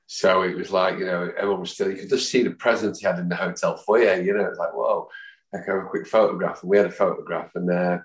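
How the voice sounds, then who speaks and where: A man in his fifties, his voice sitting on the low side, spins a loose, chatty tale as a podcast guest. He wanders through his stories with asides and quick put-on voices for the people in them. The room around him is noticeably echoey. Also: fairly even intonation. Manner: rambling, chatty storyteller who acts out quotes. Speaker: guest, fan songwriter. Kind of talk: anecdotal storytelling in a podcast chat. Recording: roomy echo.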